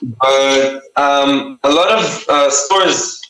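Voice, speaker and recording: This young man, a native Hebrew speaker with an Israeli accent, is an artist and t-shirt designer answering interview questions about his art. His medium-pitched, slightly bright voice moves very slowly, full of fillers and restarts. The low-quality recording is reverberant.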